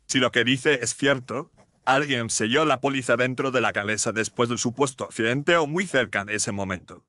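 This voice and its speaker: Bright, forceful skeptical police inspector, acted by a man. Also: mid-range voice, moderate pace, dry recording, lightly acted. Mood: grudging, skeptical. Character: grudging, skeptical male Scotland Yard police inspector. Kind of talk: Spanish audio drama mystery acting.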